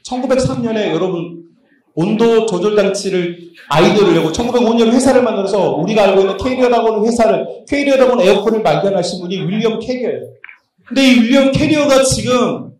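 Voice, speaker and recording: A high-voiced man preaches with bounce and humor, firing questions at the crowd and pacing the stage. His voice rings through a large, very echoey church hall, picked up from a distance as he roams. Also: quick pace. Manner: animated, joking, quizzing the congregation; moves around while preaching. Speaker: pastor. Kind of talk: lively sermon at a youth retreat.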